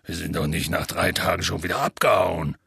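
A man voicing a huge, gruff half-giant gamekeeper in an audiobook, telling his story in a rough, folksy way. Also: a little fast, sharp tone, no room sound, studio quality, heavily acted. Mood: gruff storytelling. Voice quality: deep and gravelly. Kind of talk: audiobook character voice.

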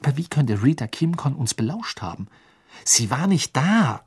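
A man reading an audiobook, voicing a clever teenage girl in a soft, hushed, confiding tone. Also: mid-range voice, sing-song, normal speed, breathy edge, no echo, exaggerated voice.

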